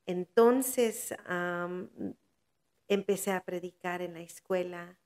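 A woman's voice: lowish voice, slow, a little mellow. An older woman preacher giving earnest testimony in a podcast interview, with heartfelt swells. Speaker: guest preacher.

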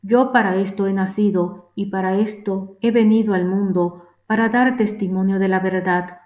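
A woman reading the words of a calm, authoritative male religious teacher in a measured voice, in a roomy space. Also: medium pitch, dull audio, close to an everyday voice. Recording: roomy echo.

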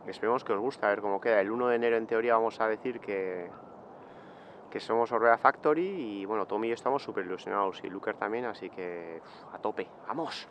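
A man's voice: on the low side, quick pace, dull audio, very noisy. A man in his thirties, a mountain bike racer, chatting casually and jokingly to a close-range camera outdoors on a hillside. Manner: joking, slangy, breezy. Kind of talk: casual vlog chat.

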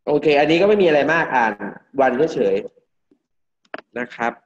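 A male English teacher from Thailand giving a classroom pronunciation lesson, drilling words slowly and repeating each one for the class. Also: fairly high pitch, expressive. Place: classroom with students. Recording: dull lo-fi classroom recording.

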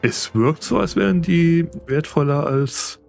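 A man's voice: a little high, lively intonation, unhurried, gravelly, darkish tone, soft background music. A man casually commenting while playing a game, hesitant and unsure how names are pronounced. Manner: hesitant, unsure of name pronunciations. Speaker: let's play commentator.

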